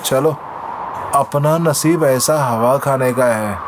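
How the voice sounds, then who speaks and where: A man's voice: medium pitch, slow, background noise, natural voice. An actor dubbing an idle young man who talks in casual street slang and begs for money. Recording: film soundtrack with music.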